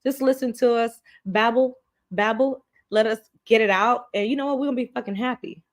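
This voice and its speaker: A woman's voice: a little high, fairly quick. A woman hosting a live stream show, chatting candidly and bluntly about friendship, swearing freely and laughing often. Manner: blunt and profane, laughs often, slips into acted quotes. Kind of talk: candid casual chat.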